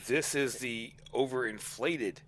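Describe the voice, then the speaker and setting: A man's voice: medium pitch, slow, a bit bright, slight background noise. A man co-hosting a casual gaming podcast, breaking in with wry, joking remarks. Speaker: podcast co-host.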